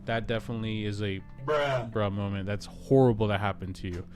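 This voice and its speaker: A man's voice: fairly low pitch, fairly quick, soft background music. A man hosting a casual real estate livestream, joking and chatty as he reads viewer comments aloud.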